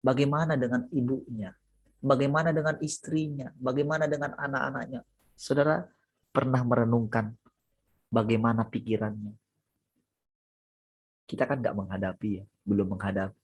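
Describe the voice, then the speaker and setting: A man preaching a sermon on a video call, his husky voice at a middling pitch. He preaches animatedly, jumping up high and loud to stress a point, then sinking into low, soft reflection. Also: fairly even intonation, moderate pace, pauses often.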